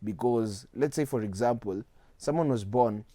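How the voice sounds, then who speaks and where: Warm-toned and mid-range, the voice belongs to a Kenyan-accented nineteen-year-old guest in a studio interview, recorded dry. He keeps his speech earnest, steady and measured, with Swahili slang mixed in.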